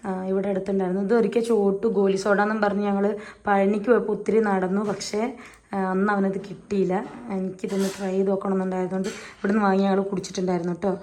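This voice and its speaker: A young mother vlogging from her home kitchen, talking to viewers in low, soft asides. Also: flat delivery, rapid-fire. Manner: high sing-song baby talk with her toddler. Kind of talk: casual home vlog.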